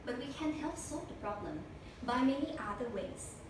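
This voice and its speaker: A woman's voice: fairly high pitch, lively intonation, moderate pace. Distant, rehearsed young woman speechmaker. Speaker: speech contestant. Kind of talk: memorized competition speech. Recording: echo-heavy room, distant mic, noisy.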